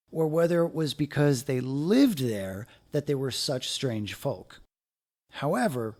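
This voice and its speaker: A children's picture book is read aloud by a man with a fairly high pitch, who narrates with expression and care.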